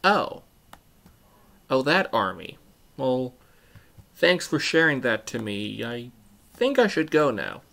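A man puts on a snide teenage school bully girl, all mockery, heard in a spoken story. Her voice has a gravelly, creaky edge, and she sits in a middle pitch. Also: very animated, slow, long pauses, full character voice. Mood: nervous. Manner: mocking, louder when playing her.

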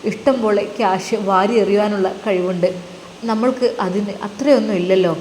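A woman's voice: medium pitch, moderate pace, darkish tone, echoey room, long reverb tail, a little hiss or hum, close to an everyday voice, rough recording. A woman voicing a frightened young pregnant wife who pleads tearfully with her husband. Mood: pleading fearful.

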